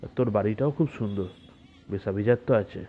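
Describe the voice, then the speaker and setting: A man's voice: fairly low pitch, brisk, slightly rough. An actor playing a mocking, skeptical young man among friends in an audio drama. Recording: tinny phone-like sound.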